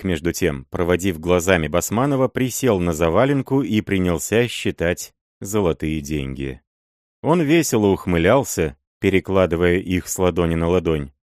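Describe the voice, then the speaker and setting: A man narrating a literary audiobook in a measured, even storytelling manner. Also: low voice, dry recording, clean studio sound.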